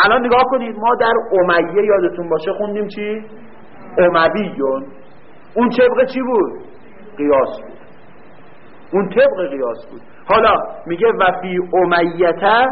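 Lively man teaching, dull lo-fi sound. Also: sits high. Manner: quizzes the class and answers his own questions; reads a line slowly, then explains it quickly. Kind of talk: classroom lecture on grammar. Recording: dull lo-fi recording.

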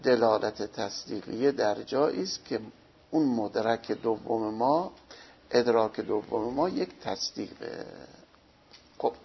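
A man's voice: on the low side, gravelly, a little hiss or hum. A man teaching a seminary lecture, explaining step by step and posing questions he answers himself. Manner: explains slowly, asks and answers his own questions. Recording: dull lo-fi recording.

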